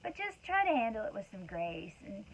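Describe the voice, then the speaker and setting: A woman's voice: medium pitch, big pitch swings, a little fast. A woman and mother speaking in a casual, rambling motivational talk full of conversational asides. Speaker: wellness talk host. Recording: dull lo-fi sound with faint background noise.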